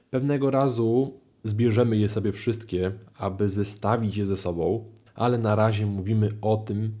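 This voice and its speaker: A man teaching French grammar in a video lesson, explaining clearly with lively rises in his voice. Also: mid-range voice. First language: Polish. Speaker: language teacher.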